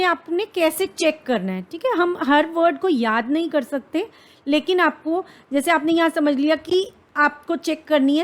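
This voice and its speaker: A woman with an Indian accent teaching an exam-prep grammar lesson. She asks questions and answers them herself, mixing English phrases into her explanations and reading English examples deliberately. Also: high-pitched.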